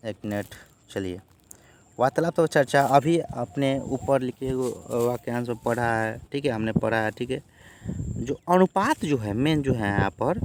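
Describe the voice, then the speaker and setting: A man's voice: mid-range voice, a little mellow, slight background noise. A man tutoring students through an exam textbook unit. He keeps saying "theek hai" as a tic and acts out the example lines. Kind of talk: exam-prep lesson walkthrough.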